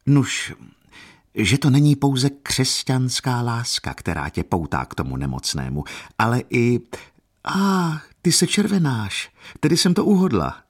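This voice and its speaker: A man reading an audiobook, voicing a proud, brisk aristocratic older lady who speaks imperiously and emphatically. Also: mid-range voice, wildly swooping pitch, breathy edge, pitched above the performer's own voice. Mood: teasing. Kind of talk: audiobook character voice.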